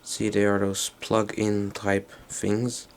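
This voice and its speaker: There's a little hiss or hum as a lowish, monotone male voice takes it slowly. He's an electronics hobbyist giving an unscripted, casual hands-on presentation of a tape recorder, hesitating and thinking aloud.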